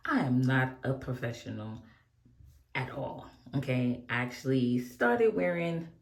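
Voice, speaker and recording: A woman in her forties, a beauty vlogger, rambles candidly and laughs a lot while applying makeup for a laid-back get-ready-with-me chat. She has a rumbling low, expressive voice and speaks a touch slowly, with the room giving off an echo.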